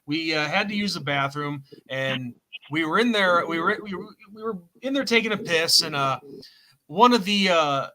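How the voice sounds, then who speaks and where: Male co-host, high and bright-toned, rambling, self-correcting storyteller for a casual chat show. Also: lively intonation, normal speed, low-quality recording.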